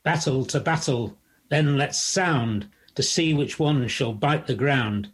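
A man's voice: medium pitch, slow pace, breathy edge. A man playing a bold, boastful knight, declaiming rhymes in a comic folk play. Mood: boastful, defiant. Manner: declamatory, rhyming bravado. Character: boastful, bold knightly hero Saint George.

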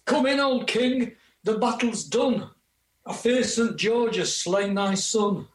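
A man's voice: high voice, takes it slowly. A man playing the announcing presenter, declaiming rhymes in a comic folk play. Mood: heralding. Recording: echoey room.

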